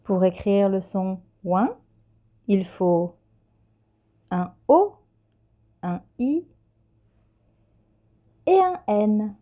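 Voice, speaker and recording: A woman teacher, giving a patient, clear dictation lesson to young children and spelling letters one by one. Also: mid-range voice, dark tone. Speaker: primary school teacher.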